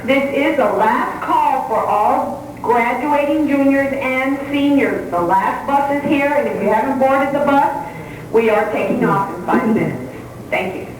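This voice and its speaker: A woman making a polite, deliberate announcement over a school intercom loudspeaker. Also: sits high. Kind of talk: public address announcement. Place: school hall. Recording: echoey loudspeaker heard from far off with noise.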